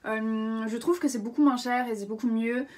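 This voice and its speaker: A woman's voice: fairly high pitch, fairly even intonation, moderate pace, far from the mic. Chatty young Frenchwoman, rambling vlog. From France. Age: 20s. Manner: chatty, rambling, lots of fillers and self-corrections. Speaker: vlogger. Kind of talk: casual explainer vlog.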